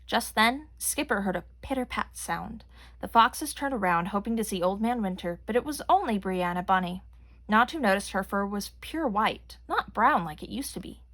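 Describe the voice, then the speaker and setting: A woman reading a children's story aloud with gentle, clear storytelling. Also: medium pitch, animated, normal speed. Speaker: reader. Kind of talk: children's read-aloud narration.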